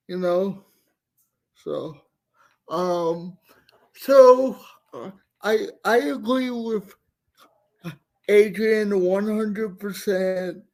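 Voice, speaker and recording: A woman's voice: mid-range voice, extremely slow, pauses often, darkish tone. A woman hosting a casual live-stream chat show over a video call, talking with a heavy stutter and many repeated sounds. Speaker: show host. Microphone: video call setup.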